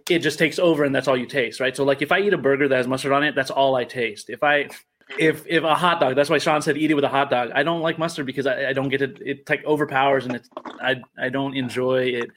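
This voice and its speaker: A man's voice: mid-range voice, fairly even intonation, quick pace, a bit bright. A man, a priest hosting a casual group livestream, talks in a rambling, playful way and often corrects himself mid-sentence.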